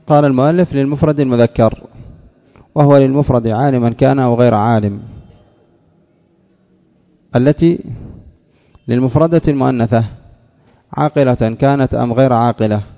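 A man teaching a grammar lesson, explaining a text in a measured way and repeating phrases to drive each point home. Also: mid-range voice, gravelly. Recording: dull lo-fi sound with long hall reverb.

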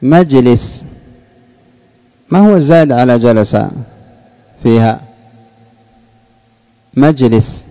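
A male teacher gives a classroom grammar lesson in a mellow, warm voice at a middling pitch. He talks slowly, repeats key words and keeps putting questions to his students. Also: expressive, rough recording.

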